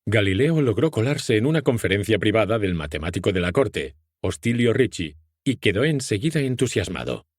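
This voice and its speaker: A man's voice: lowish voice, sing-song, a little fast, no echo, clean studio sound. A man with a Castilian Spanish accent reading an audiobook as scripted narration.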